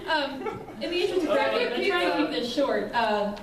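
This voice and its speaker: Young woman from Wisconsin, self-mocking and laughing, higher voice, echoey room, crowd noise behind. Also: sing-song, fast talker. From Wisconsin, USA. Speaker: fan meetup member sharing her story. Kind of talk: casual spoken testimony to a group. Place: indoor meeting room with a group. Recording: echoey room, distant mic, noisy crowd.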